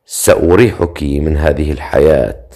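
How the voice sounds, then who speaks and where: A man voicing a grim, broken male captive, speaking quietly and low. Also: animated, moderate pace.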